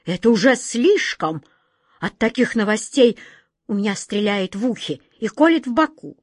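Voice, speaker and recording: A woman's voice: on the high side, very animated, moderate pace, breathy edge, no room sound, studio quality. A woman voicing a pompous, easily flustered old king who gives orders in a storybook reading. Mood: fretful. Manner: imperious, whiny, easily flustered. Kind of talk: storybook character voice.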